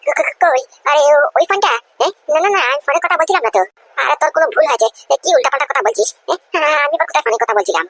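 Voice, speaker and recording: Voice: high-pitched, rapid-fire, fairly bright tone, dry recording. Someone voicing a flustered, lying cartoon aunt. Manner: stammering, nervous, then bragging. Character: flustered greedy middle-aged aunt caught lying. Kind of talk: cartoon comedy voice acting.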